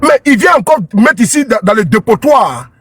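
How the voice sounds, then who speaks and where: A man with a high voice talks straight to his viewers as he scrolls through posts. He sounds scornful and repeats himself, asking again and again whether they can see. The sound is dry and close. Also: big pitch swings, moderate pace, a bit bright, husky, dry recording, soft background music. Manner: repetitive, scornful, keeps asking "you see?". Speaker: online commentator. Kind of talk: talking to camera while scrolling a social media page.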